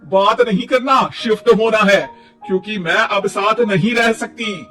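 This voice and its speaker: A man's voice: sits high, a little slow, bright, forceful tone. A man voicing a boastful, jealous older mother-in-law in a cartoon story. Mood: haughty. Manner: boastful, snappy. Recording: distant mic, faint music.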